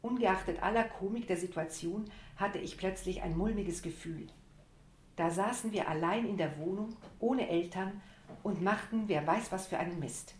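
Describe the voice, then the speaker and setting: A woman reading a story aloud as scripted narration, expressive and acting out the dialogue. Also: medium pitch, moderate pace. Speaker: audiobook reader. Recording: roomy echo.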